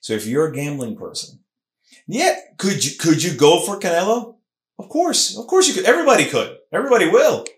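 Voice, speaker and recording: A man of Puerto Rican heritage hosts a casual sports podcast, talking emphatically with many restarts in a high, very animated voice at a fairly quick pace. He's recorded in a Philadelphia podcast studio room with a roomy echo.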